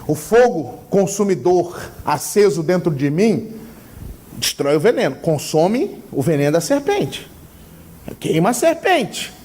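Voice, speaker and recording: A woman's voice: lowish voice, mellow, breathy edge. Fervent Brazilian woman preaching. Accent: Brazilian Portuguese. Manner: asks the congregation rhetorical questions and leaves gaps for them to answer; fervent and emphatic. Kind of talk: sermon.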